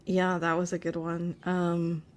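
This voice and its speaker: A woman's voice: lowish voice, completely flat delivery, a little slow. A woman taking part in a casual film podcast, mostly giving short agreeing replies. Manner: brief agreeing replies, laughs easily. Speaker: podcast guest.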